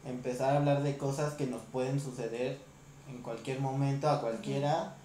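A man co-hosting a podcast, chatting in a relaxed, slangy way. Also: medium pitch, moderate pace, roomy sound, slight background noise. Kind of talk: casual chat.

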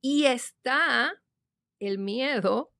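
Guest in her 50s, earnest and encouraging, slightly higher voice, dry close sound. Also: drawn-out words, creaky, pushed and bright, dry recording. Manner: earnest, encouraging, often laughing. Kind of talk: reflective conversation.

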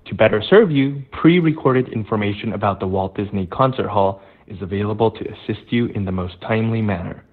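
A man's voice: lowish voice, a little fast, hardly any pauses. A man's recorded phone message reading automated menu options in a formal, evenly paced announcer manner. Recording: tinny phone line.

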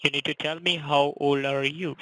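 Phone scammer, man; flat, bright delivery, insistent and evasive. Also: on the high side, normal speed, rough recording. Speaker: phone scammer posing as customer support. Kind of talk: scripted call-center phone talk.

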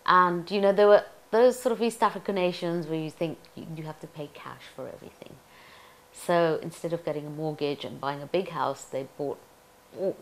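A middle-aged woman from Tanzania, an actress, reminiscing in an oral history interview, chatty and reflective with frequent laughs. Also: on the low side.

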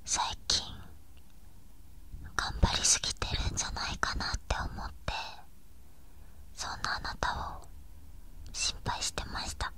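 Young woman, ASMR host. Breathy, airy whisper with crisp bright edge, unhurried and soothing, right at the ear. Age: young adult. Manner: gentle, slow, reassuring close-up murmuring. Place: small bedroom, lying on a bed. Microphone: binaural ear microphone, held right at the mouth.

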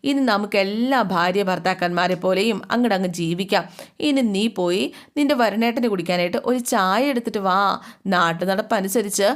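Brief: sneering young husband, voiced by a woman storyteller, slow taunts. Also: medium pitch, close to an everyday voice. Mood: mocking. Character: callous, mocking young husband.

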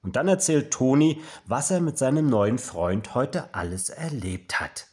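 Slow, husky man reading a children's book. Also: mid-range voice. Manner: slow, expressive, animated storytelling. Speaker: storybook reader.

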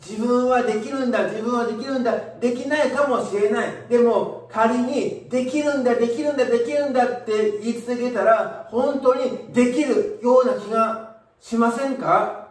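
High-voiced, emphatic man in an echoey room. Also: moderate pace. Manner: energetic, emphatic, repeats phrases. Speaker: motivational video host. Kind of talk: motivational talk. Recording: echoey room, distant from the mic.

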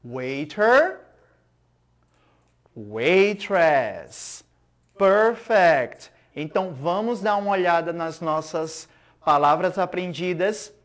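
A woman's voice: lowish voice, unhurried. A Brazilian woman, a native Portuguese speaker, teaching a school TV English lesson, drilling words with repeat-after-me prompts.

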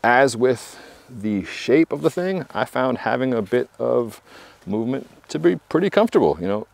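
A man's voice: medium pitch, big pitch swings, moderate pace, creaky, a little mellow, no echo. A man in his forties giving a casual, conversational product review outdoors, with wry asides. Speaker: bike reviewer. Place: outdoors beside trees and trails.

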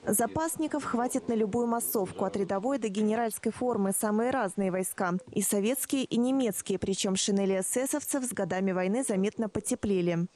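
A woman's voice: mid-range voice, a little fast, hardly any pauses, dark tone. A woman reading scripted narration as a television news reporter.

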